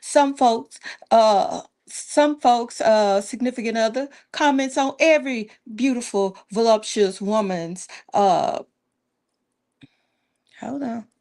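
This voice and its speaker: A woman hosts a casual talk show. Her delivery is folksy and animated, and she repeats words for emphasis. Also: on the high side, takes it slowly. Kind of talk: casual live call-in style chat.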